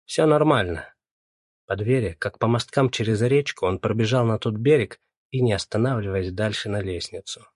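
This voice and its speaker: A man narrating an audiobook in a measured, even storytelling voice. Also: lowish voice, no room sound, clean studio sound. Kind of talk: scripted narration.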